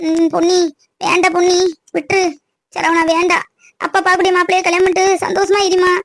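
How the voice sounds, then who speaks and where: A woman's voice: very high voice, completely flat delivery, fast, fairly bright tone, dry recording, clean studio sound. A woman voicing a worried, tearful middle-aged village mother in a cartoon, pleading and anxious. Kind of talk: cartoon voice acting.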